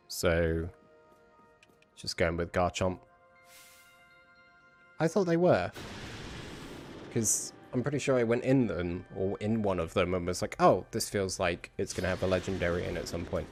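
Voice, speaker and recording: A man's voice: low-pitched, normal speed, long pauses, soft background music. A man streaming a video game, thinking aloud in casual commentary as he plays. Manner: thinking aloud, muttering to himself.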